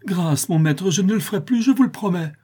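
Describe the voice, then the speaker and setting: A man voicing a terrified small orphan boy in a storybook reading, crying out in shrill pleas. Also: animated, brisk, warm tone, husky. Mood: pleading. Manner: shrill pleading cries.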